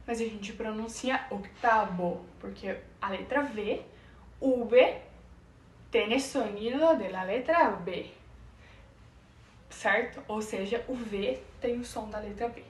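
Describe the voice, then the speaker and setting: A woman with a Brazilian Portuguese accent teaching a Spanish lesson, stretching out example words slowly. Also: fairly high pitch, recorded from a distance. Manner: slow, drawn-out pronunciation of example words. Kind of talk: online language lesson. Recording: echoey room, voice off-mic.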